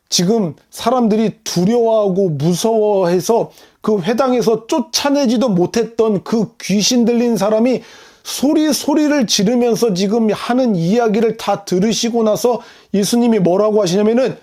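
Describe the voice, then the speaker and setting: A man's voice: high voice, moderate pace, warm tone. A male pastor preaching a sermon, explaining scripture verse by verse and putting rhetorical questions to his listeners. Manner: leads the congregation in reading scripture aloud.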